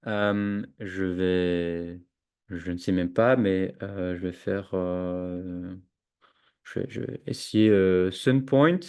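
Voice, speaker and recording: A man giving a screen-share software tutorial to teachers, hesitant with many fillers and restarts, on a computer microphone. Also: deep voice, takes it slowly, clear, resonant tone. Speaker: educational software trainer. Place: at a computer, webinar with chat. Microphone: own computer microphone with noise suppression.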